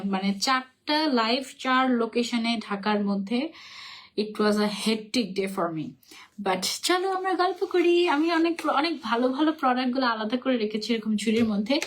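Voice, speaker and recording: A young woman hosting a casual live stream, chatting with viewers and reading their comments aloud, mixing English words into her talk, speaking into a phone with no separate mic. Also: fairly high pitch. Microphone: phone, no external mic.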